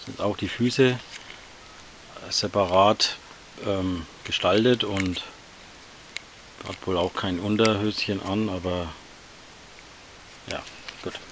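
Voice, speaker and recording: A man casually reviewing action figures, talking in a relaxed, slightly halting way while he handles them. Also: low-pitched, a little hiss or hum.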